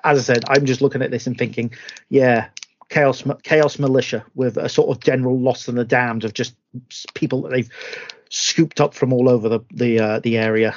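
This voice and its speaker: A man's voice: mid-range voice, fairly even intonation, a little fast. Man, podcast host, rambling casual talker, muffled lo-fi audio. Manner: rambling, restarts often. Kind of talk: casual chat about tabletop miniatures. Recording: dull lo-fi sound.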